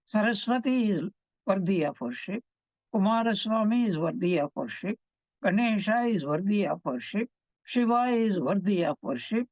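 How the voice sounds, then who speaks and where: A man's voice: sits high, expressive, normal speed, darkish tone, no echo. Male monk, scripture class, storytelling, rhetorical questions, dry close sound, slightly muffled recording.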